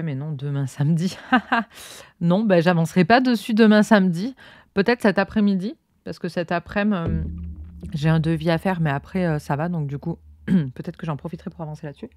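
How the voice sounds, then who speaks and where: A woman's voice: low voice, a little mellow, no room sound. A woman with a Cantal accent from Auvergne, hosting a podcast and chatting casually while she crochets, rambling with many fillers. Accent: Cantal, Auvergne French. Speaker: podcast host. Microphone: own close microphone.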